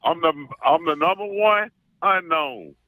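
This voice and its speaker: A man with an Arkansas Southern accent, talking as an animated sports fan calling in, boastful and emphatic, repeating his phrases for effect. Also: fairly high pitch, measured pace. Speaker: call-in guest, self-styled football scout.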